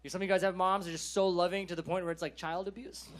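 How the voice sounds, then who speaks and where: A man's voice: high voice, little pitch movement, very fast, noisy background. A man from California with an American accent doing a stand-up set in a casual, slangy way, laughing often. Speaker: stand-up comedian.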